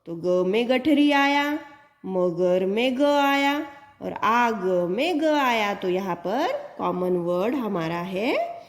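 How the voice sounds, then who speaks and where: A woman teacher, slowly explaining a lesson to young children, sounding out letters and words and answering her own questions. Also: medium pitch, big pitch swings, roomy sound. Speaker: primary school Hindi teacher. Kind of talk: slow classroom explanation to children.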